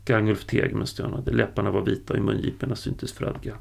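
Gravelly-voiced male storyteller. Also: on the low side, steady tone. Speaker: narrator. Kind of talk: audiobook story reading.

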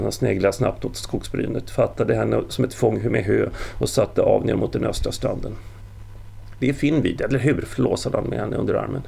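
A man's voice: on the low side, gravelly, dark tone, breathy edge. A man narrating a Viking tale as an audiobook reader, telling it steadily.

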